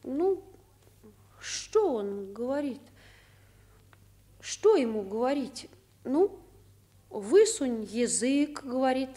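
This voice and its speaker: A high-pitched, slow-talking schoolboy in a children's radio play. He is sheepish and evasive, with a hesitant, plaintive delivery. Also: sing-song, warm tone, heavily acted. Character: weak-willed schoolboy truant, sheepish and evasive. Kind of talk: children's radio drama acting.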